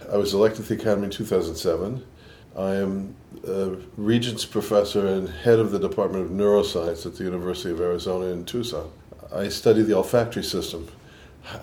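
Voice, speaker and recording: An older male scientist from Boston, whose accent mixes Boston and New York, looks back on his life in an interview. His reflective answers are thoughtful with frequent restarts, delivered in a low, warm voice over a little hiss or hum.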